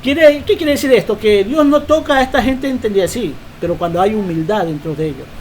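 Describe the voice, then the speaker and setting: A woman preacher giving a Bible teaching sermon, emphatic and quick to ask rhetorical questions. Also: mid-range voice, expressive, darkish tone, slight background noise.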